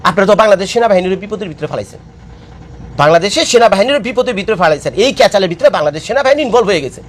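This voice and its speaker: Fast, high-voiced man lecturing. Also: lively intonation, slight background noise. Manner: lecturing, scolding, repeats his points. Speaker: political commentator. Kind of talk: impassioned political monologue. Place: living abroad.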